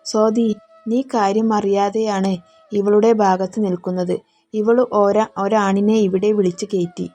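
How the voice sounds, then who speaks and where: Woman reading as angry young man, accusing, shouting, warm breathy voice, storybook. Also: mid-range voice, level tone, measured pace, soft background music, natural voice. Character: hot-tempered jealous young man.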